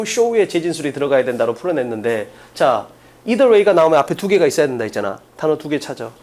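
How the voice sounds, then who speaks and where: A man with a fairly high voice lectures an exam-prep class. He talks in an emphatic way and keeps firing short questions at his students to drill the main points. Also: darkish tone. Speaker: English teacher.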